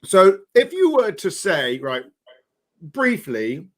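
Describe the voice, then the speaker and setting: A man's voice: sits high, wildly swooping pitch, slow. A man hosting a casual interview over a video call, chatty and hesitant, full of fillers and restarts. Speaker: host.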